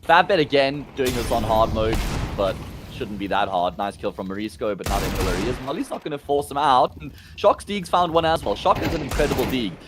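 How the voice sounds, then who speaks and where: A man with a South African accent giving quick, animated play-by-play commentary on a live esports match. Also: mid-range voice, noisy background. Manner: quick, animated calls over game action. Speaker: esports caster. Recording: faint game gunfire underneath.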